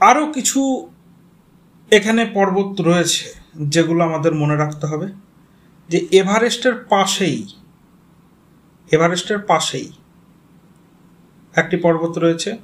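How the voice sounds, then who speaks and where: In a fairly high-pitched voice, a teacher with a Bengali accent lectures on geography for students preparing for exams. He goes step by step, spells out names and checks in with the class.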